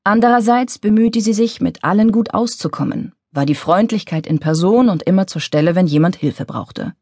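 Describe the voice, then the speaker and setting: A woman reading a contemporary novel as an audiobook, with wry, lively storytelling. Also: mid-range voice, normal speed, no room sound, studio quality. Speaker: audiobook narrator. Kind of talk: scripted audiobook narration.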